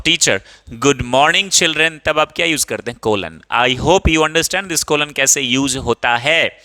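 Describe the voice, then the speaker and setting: A young man teaching English grammar to a class, explaining step by step, reading example sentences slowly and checking often that students follow. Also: a little high, pushed and bright. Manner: checks understanding often, calls students 'babu'.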